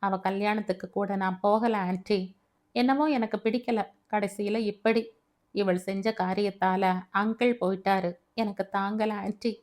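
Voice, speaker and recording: A woman's voice: mid-range voice, fairly even intonation, normal speed, darkish tone, close to an everyday voice. A woman voicing a guilt-ridden young man who earnestly and tearfully apologises to a grieving widow. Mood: guilty, tearful.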